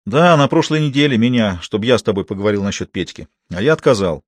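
A man's voice: on the low side, animated, fast, no room sound. A man reading an audiobook, voicing a breezy, teasing male anesthesiologist who jokes with colleagues. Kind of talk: audiobook character voice.

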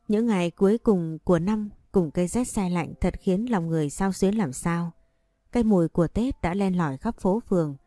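A woman's voice: lowish voice, warm tone, dry recording. A woman narrating a first-person romance story aloud, reading the dialogue in her own voice. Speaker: audiobook narrator.

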